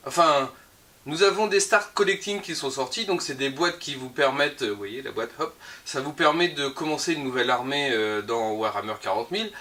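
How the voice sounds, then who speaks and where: A man's voice: mid-range voice, fairly quick, bright, forceful tone. A man with a French accent casually presenting the week's new board games in a shop video, chatty and upbeat with frequent hesitations. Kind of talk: casual weekly product roundup.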